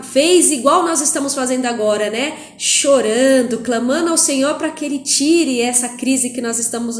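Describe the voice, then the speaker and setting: A woman with a Brazilian Portuguese accent tells a Bible story to young children as their Sunday school teacher. She talks in an animated, coaxing way and keeps calling on the kids. Her voice sits fairly high in an echoey room.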